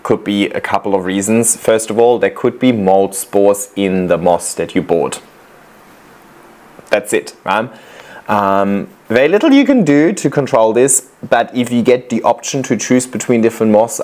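Reacting to clips his viewers sent, this easygoing man offers plant-care advice in loose, casual commentary. His somewhat low voice drifts from point to point, full of small fillers and restarts.

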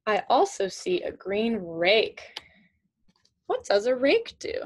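A woman in her twenties reads slowly to children from a picture book, her mid-range voice rising and falling with big pitch swings. She talks in simple, teacherly phrases and asks questions, in a small room at home with shelves.

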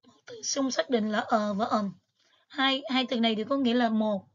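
A woman's voice: fairly high pitch, steady tone, fairly quick, highs cut off. A woman teacher, patiently going over exam material step by step with frequent fillers. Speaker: English teacher. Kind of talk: exam review lesson.

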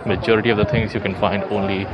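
This young man vlogs a walking tour outdoors, chatting casually and thinking out loud while moving through the city. He talks fast in a lowish voice with little pitch movement, heard over a noisy crowd and street traffic.

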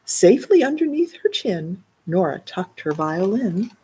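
A woman's voice: medium pitch, very animated, measured pace, warm tone, husky. A middle-aged woman, a children's librarian, reading a picture book aloud in a live story time and adding explanatory asides.

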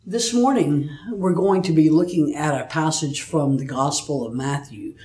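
A man's voice: a little high, darkish tone. Man preaching in an echoey room. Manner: storytelling, measured. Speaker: pastor. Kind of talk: sermon with scripture reading. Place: church. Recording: echoey room, mic at a distance.

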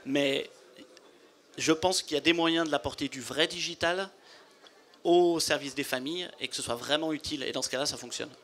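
At a trade fair studio booth, a company founder in his forties explains his business in a measured way into a handheld mic. His voice is on the high side and a bit bright.

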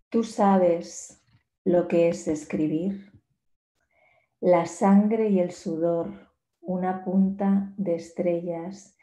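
A poet in her forties, giving a talk, reads her poems aloud slowly and carefully in a fairly low, mellow voice. Her delivery is measured and unhurried. The audio comes through a laptop webcam on a video call and echoes like a small bare room.

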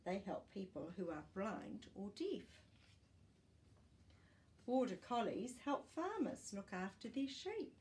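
A woman in her sixties reads a children's non-fiction picture book in a medium-pitched, sing-song, slightly mellow voice, taking it slowly and pausing often. She keeps her words careful and simple for young listeners. Slight background noise comes through on a camera a short distance away in her small indoor living room.

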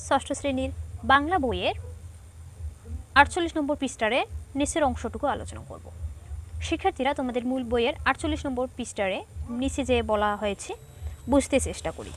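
High-voiced woman teaching a class. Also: animated, brisk, long pauses. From Bangladesh. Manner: patient, explains step by step to pupils; reads questions aloud, then dictates answers. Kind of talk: online class lesson.

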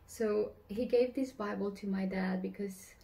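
A woman in her thirties from Romania, telling her personal faith story in an earnest, slightly halting way, seated at a table at home. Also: mid-range voice, fairly even intonation, gravelly, warm tone, rough recording. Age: 30s. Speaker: church member giving testimony. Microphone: camera across the table.

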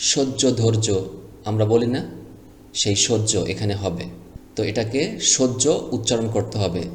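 A man's voice: mid-range voice, a little mellow. A man teaching reading step by step, patiently spelling out and repeating sounds. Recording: echoey room with faint noise.

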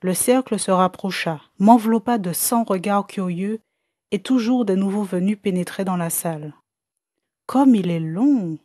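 Woman reading an audiobook, warm mellow voice, dry close sound, steady pace. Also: mid-range voice, normal speed, no room sound. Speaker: audiobook reader. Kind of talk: scripted narration.

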